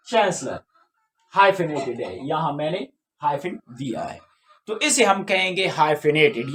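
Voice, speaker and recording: Patient high-voiced male grammar teacher. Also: fairly bright tone. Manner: patient, explains step by step with examples. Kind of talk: grammar lesson explanation.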